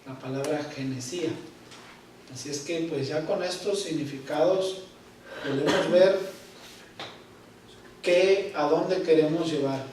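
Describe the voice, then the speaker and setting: A man teaching a Bible study class, speaking slowly, repeating key words and often checking in with his listeners. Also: on the high side, darkish tone, slight background noise. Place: church hall. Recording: echoey hall, voice from far off.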